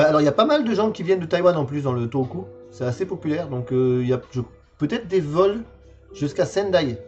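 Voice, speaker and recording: A man in his forties presents games from his collection on a livestream, chatting casually but hesitantly, with many fillers and repeated words. His voice is fairly high and a little mellow, and the recording has its highs cut off.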